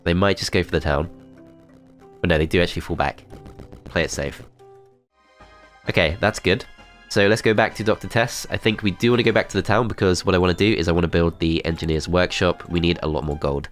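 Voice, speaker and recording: This gameplay commentator has a low-sitting voice, nasal and congested because of a cold and blocked-up nose. Calm and methodical, he thinks aloud through his moves in a strategy game let's play at a fairly quick pace, with faint background music.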